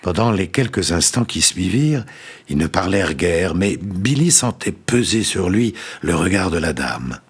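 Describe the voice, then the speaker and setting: A man reads a story aloud in a very deep, husky voice. His delivery is measured and suspenseful, with a breathy edge. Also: expressive. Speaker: narrator. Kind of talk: storybook reading.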